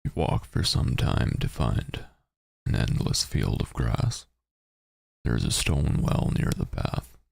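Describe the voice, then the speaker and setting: A man streaming a game, reading its story text aloud and adding halting, muttered casual commentary. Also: animated, darkish tone, no room sound, studio quality. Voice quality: very deep, gravelly, husky.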